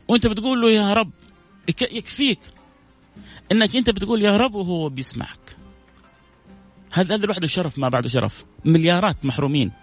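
A man hosting a live stream, reading viewer messages and answering with blessings, prayers and light jokes. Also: sits high. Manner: warm, preachy, heaps blessings, jokes with viewers. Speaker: host reading viewer comments.

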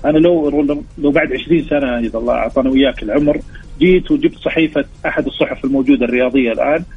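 A man's voice: mid-range voice, very fast, a little hiss or hum. A man with a Saudi accent speaking as an expert guest, explaining in an interview and often restarting mid-phrase. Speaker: guest expert, sports historian. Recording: dull lo-fi radio sound, music behind.

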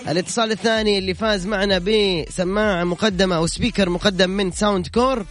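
Fast, high-pitched Saudi male radio host. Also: steady tone, music in the background. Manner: effusive, playful, full of endearments to callers. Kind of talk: lively call-in radio show banter and prize announcing. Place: radio studio with music playing behind.

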